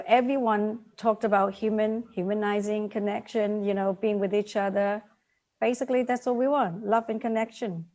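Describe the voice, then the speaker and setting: A Vietnamese woman in her forties, with a mid-range, darkish voice, is interviewed as a guest author over a live video call. She speaks earnestly, repeats key words, and laughs lightly.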